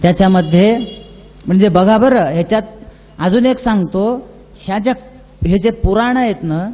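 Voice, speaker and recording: High-voiced man telling scripture in a hall. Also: normal speed, a little mellow. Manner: chatty, acts out dialogue, chants verses. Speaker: religious storyteller. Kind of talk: devotional scripture discourse. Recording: reverberant hall.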